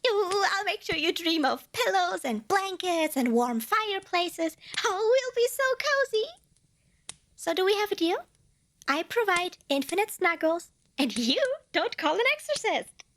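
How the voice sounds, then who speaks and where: A woman acts a high-pitched, lively little demon girl in a scripted ASMR fantasy roleplay addressed to the listener. The cute female demon is centuries old, eager and craving cuddles, and she sounds gleeful and persuasive. Delivered a little slowly and heavily acted, her playful, wheedling salesmanship includes flustered self-corrections.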